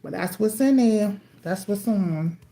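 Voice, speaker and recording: A woman with a mellow, mid-range voice and lively intonation speaks a little slowly as she does a casual tarot reading on a livestream from home, a TV playing nearby. She's chatty and informal, eating while she talks and calling her viewers y'all.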